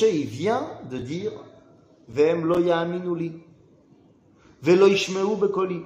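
Animated man teaching a Torah class. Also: high-pitched, reverberant. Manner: questions the group, acts out the speakers he quotes.

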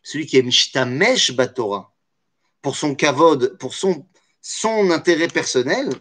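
A man's voice: a little high, expressive, unhurried, bright, forceful tone. A man teaching a Torah study lesson, explaining with animation, weaving in Hebrew terms and jokey asides.

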